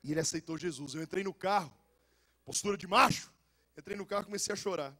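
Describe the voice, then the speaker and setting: A young adult man, a pastor with a Goiás accent, preaching a lively sermon full of jokes, stories and casual slang. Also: high-pitched, fast talker. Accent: Goiás Brazilian Portuguese. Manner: animated and joking, with casual slang.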